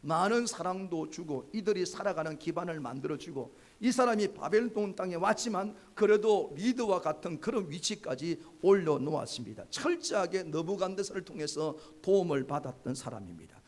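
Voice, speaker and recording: A man's voice: high voice, expressive, brisk, few pauses. A male pastor preaching a Sunday sermon in church, asking the congregation questions and having them repeat after him. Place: church sanctuary, live-streamed service.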